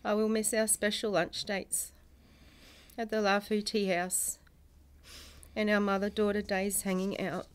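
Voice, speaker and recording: Middle-aged woman, medium pitch, grieving mother, solemn measured reading of a personal statement, short phrases. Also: level tone, clean tone. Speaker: bereaved mother making a public statement.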